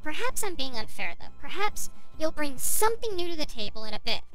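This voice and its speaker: A woman's voice: high voice, sing-song, a little fast, bright, forceful tone, soft background music, rough recording. A woman reviewer giving a sarcastic, argumentative commentary rebutting another video.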